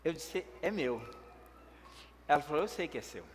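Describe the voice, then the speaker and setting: A preacher telling a personal story in a sermon. He acts out his own words, picking up in the action and dropping low in prayer. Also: normal speed, slight background noise. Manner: lively when telling the action, hushed in prayer. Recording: echoey hall reverb.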